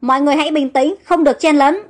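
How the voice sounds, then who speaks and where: A woman's voice: high-pitched, steady tone, racing, soft background music, natural voice. Woman reading a barking guard captain. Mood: commanding. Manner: barking orders. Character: commanding male palace guard captain.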